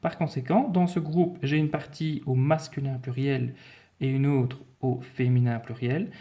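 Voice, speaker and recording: A man's voice: medium pitch, warm tone. A man teaching a French spelling lesson, walking patiently and methodically through a dictation and repeating the key points.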